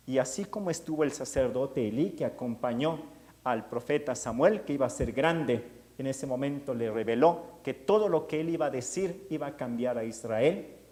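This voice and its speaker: A man, a priest giving a sermon in an animated storytelling way. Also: mid-range voice.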